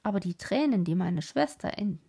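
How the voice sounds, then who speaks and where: Lady reading an excited uncle telling old school stories, gravelly, husky. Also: mid-range voice, normal speed. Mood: reminiscing. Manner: excited, reminiscing. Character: grown-up brother, eager storyteller uncle.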